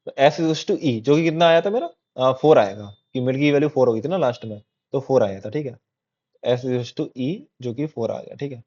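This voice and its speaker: With a medium-pitched, mellow and expressive voice at normal speed, a man runs a casual coding lesson. He repeats himself and keeps asking "theek hai" to confirm everyone is keeping up. The audio is dull and lo-fi.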